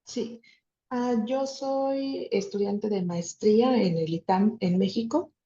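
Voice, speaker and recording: A woman's voice: fairly high pitch, takes it slowly, warm tone. A woman from Mexico, a court clerk and master's student, introducing herself in a matter-of-fact way on a video call. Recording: echoey, dull room audio with faint noise.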